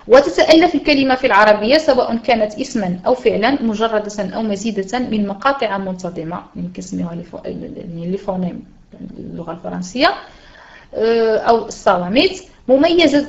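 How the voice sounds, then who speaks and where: A woman's voice: on the high side, lo-fi sound. A woman teacher with a Moroccan Arabic accent gives a reading lesson in an online voice room. She explains step by step, switches between formal Arabic and dialect, and asks her listeners rhetorical questions.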